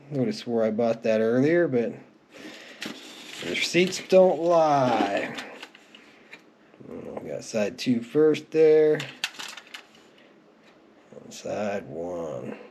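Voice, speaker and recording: A middle-aged music collector chats his way through his collection in a casual, unscripted show-and-tell, reminiscing as he goes. His mellow, medium-pitched voice is expressive, with drawn-out words and frequent pauses, and the home recording is clearly noisy with clicks.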